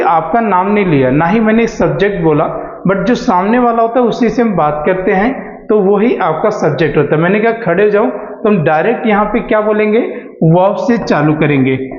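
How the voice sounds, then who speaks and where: A man teaching a spoken English class, explaining grammar patiently and reading example sentences slowly. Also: high-pitched. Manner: explains slowly, reads English examples aloud at a very slow pace. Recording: echoey dull room recording.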